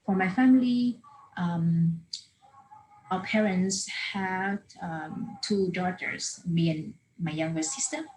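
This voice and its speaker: A woman from northern Vietnam speaking on an online panel over a video call, in a measured, thoughtful way. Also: fairly low pitch, darkish tone, slight background noise, low-quality recording.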